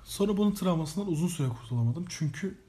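Young man, podcast co-host, mellow tone, slightly high voice, animated storyteller, swears freely. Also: quick pace. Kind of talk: casual comedic chat.

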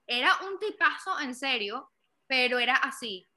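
High, bright Venezuelan woman chatting. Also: normal speed. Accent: Venezuelan Spanish. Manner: animated storyteller, acts out quoted voices. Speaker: podcast co-host. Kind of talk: casual chat.

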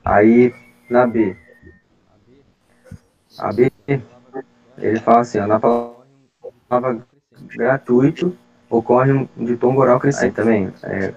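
A man explains grammar answers one step at a time on a video call. His voice sits at an ordinary pitch. The call audio is dull and lo-fi. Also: slow pace, creaky, long pauses, a little mellow, slightly rough, faint music behind. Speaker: study group leader explaining exam questions.

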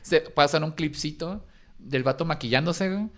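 A man's voice: fairly high pitch, normal speed. Sarcastic young mexican man. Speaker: podcast co-host. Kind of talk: casual chat.

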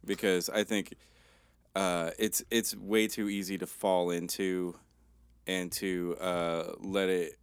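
A man in his thirties with a rough, tired-sounding voice, chatting as a podcast co-host in a laid-back, joking way. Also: low-pitched, flat delivery, slow pace, dry recording. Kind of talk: casual chat.

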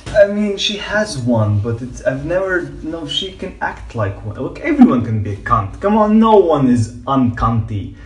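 Sitting in the bathtub of a small bathroom, a Latvian man chats casually and jokingly as a podcast guest. His voice is medium-pitched and sing-song, moving at a moderate pace with few pauses. The recording echoes off the bathroom walls, and he sounds somewhat distant from the mic.

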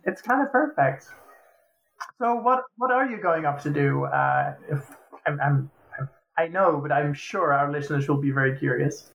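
A woman's voice: sits low, moderate pace, gravelly. Echoey, distant-sounding woman podcast co-host. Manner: informal, self-deprecating, hesitant. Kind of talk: casual podcast chat. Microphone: wrong microphone selected, distant from speaker. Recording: echoey, far from the microphone.

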